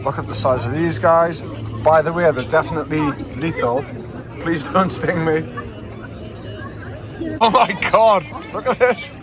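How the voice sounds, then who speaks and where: A young man with a Geordie accent, chatting excitedly through a casual travel vlog outdoors by the sea. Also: a little high, unhurried, pauses often, a crowd in the background. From North East England. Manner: chatty, excitable, swears and laughs. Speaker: travel vlogger.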